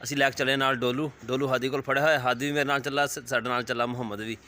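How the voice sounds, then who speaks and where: A man's voice: mid-range voice, level tone, rapid-fire, bright, forceful tone. A young man with a Pakistani Punjabi accent, chatting and explaining as he goes in a casual village vlog. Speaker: village vlogger.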